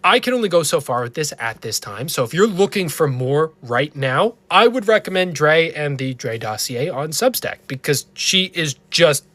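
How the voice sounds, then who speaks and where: A man's voice: on the high side, lively intonation, normal speed, few pauses, a bit bright, no echo. A man giving casual, explanatory news commentary as an online presenter.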